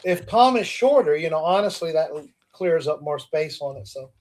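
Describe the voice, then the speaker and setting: A man's voice: a little high, expressive, moderate pace, a little mellow. A man taking part in a casual online Bible study, teasing and joking over a video call. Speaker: study participant. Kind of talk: casual discussion.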